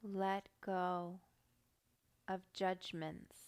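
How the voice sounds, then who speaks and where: A woman guiding a meditation in a soft, soothing voice, giving calm, gentle instructions with long pauses. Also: on the low side, clean tone. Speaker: meditation guide. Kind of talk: guided meditation.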